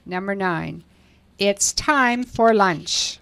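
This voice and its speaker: A woman reading English lesson prompts slowly and with clear, careful enunciation. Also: medium pitch, a bit bright, no echo. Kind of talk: scripted language lesson dialogue.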